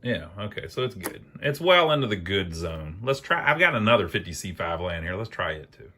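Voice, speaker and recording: Deep-voiced and very animated, the host of an amateur electronics repair channel talks a little fast in a sharp tone. He narrates the hands-on repair in a casual, folksy style, thinking out loud as he works.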